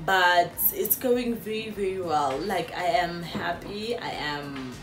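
Slow, chatty South African woman vlogger. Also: lowish voice, reverberant, over music. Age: late 20s. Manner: chatty, warm-hearted address to viewers, frequent fillers. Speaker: YouTuber. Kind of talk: casual Q&A vlog. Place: indoors on a sofa in a small room. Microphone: phone camera.

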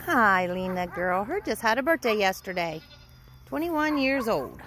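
Very animated and unhurried, a woman with a medium-pitched, fairly bright voice narrates a stroll around her farm among the animals. She films on her phone while walking, chats freely, coos to the animals, and is unsure of breeds. Slight background noise can be heard.

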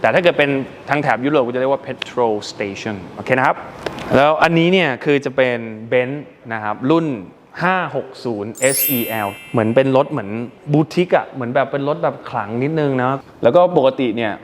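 A man's voice: mid-range voice, moderate pace, slight background noise. A man hosting a casual vocabulary lesson in a car showroom, patiently explaining words and spelling them out letter by letter, with polite particles at the ends of his sentences. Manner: polite, with frequent soft sentence-end particles. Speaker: English teacher and show host.

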